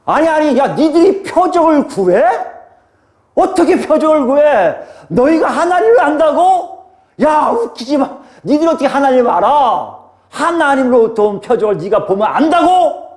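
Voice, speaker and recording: A scornful, scolding Jesus, as a man puts him on in a sermon. The voice jumps high and swings widely with mocking retorts and stern warnings. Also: big pitch swings, moderate pace, roomy sound.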